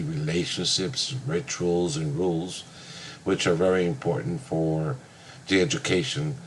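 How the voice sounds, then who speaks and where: A man's voice: low voice, a little hiss or hum. A man in his fifties from Hawaii, giving a recorded class reflection with many hesitant filler sounds. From United States (Hawaii). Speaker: graduate student.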